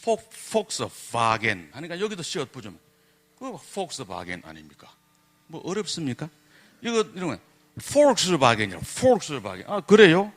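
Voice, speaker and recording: A man's voice: fairly high pitch, big pitch swings, normal speed. A man giving a public lecture, asking the audience rhetorical questions and sounding out letters to demonstrate them. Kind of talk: public lecture on Korean script.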